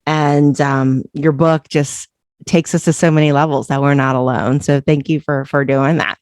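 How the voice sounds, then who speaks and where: A woman's voice: sits low, fairly even intonation, moderate pace, a little mellow, dry recording. Earnest woman host, dry sound. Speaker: podcast host. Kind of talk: reading an excerpt, then interviewing.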